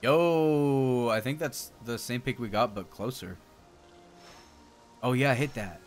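A man in his thirties, a game streamer and co-host, gives casual, playful gameplay commentary full of exclamations and silly nicknames. He speaks slowly at medium pitch, with game music in the background.

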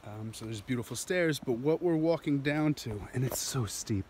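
A man's voice: mid-range voice, normal speed, a little mellow, slight background noise. Rambling man vlogging on a jungle trail. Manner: enthusiastic, rambling, laughs often. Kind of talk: walking vlog narration. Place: outdoors on a steep jungle trail. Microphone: phone camera held at arm's length.

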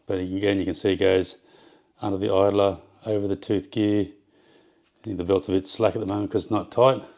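A man casually walking through his workshop build, halting often with ums and restarts as he measures and explains. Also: low voice, level tone, gravelly, a little mellow. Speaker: home builder showing his project. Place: home garage workshop.

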